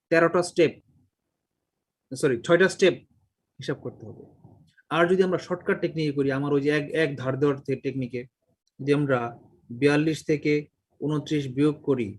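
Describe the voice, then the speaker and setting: Middle-aged man teaching math, slightly high. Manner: lively, asks the class questions; mixes English words and numbers into Bengali. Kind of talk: classroom lecture.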